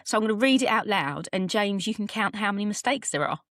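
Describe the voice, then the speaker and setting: A woman's voice: mid-range voice, animated, fast, fairly bright tone, no room sound, clean studio sound. A woman co-hosting a podcast in casual chat, playfully bossy and teasing. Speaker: podcast co-host.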